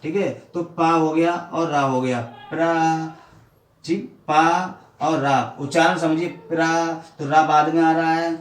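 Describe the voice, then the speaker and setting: Man teaching with slow, patient explanations. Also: fairly high pitch, fairly even intonation. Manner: slow, repetitive explaining with frequent questions to pupils. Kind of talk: classroom-style grammar lesson. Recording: echoey room, mic at a distance, faint noise.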